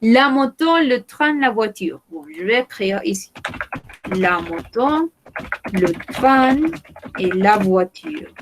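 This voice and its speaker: Slow, careful female French teacher. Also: on the high side, animated, noisy background. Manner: slow, careful, repeats words for learners. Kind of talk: online language lesson.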